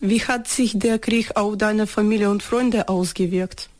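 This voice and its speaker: A woman interviewer asking her guest questions in a calm, steady way. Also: mid-range voice, measured pace.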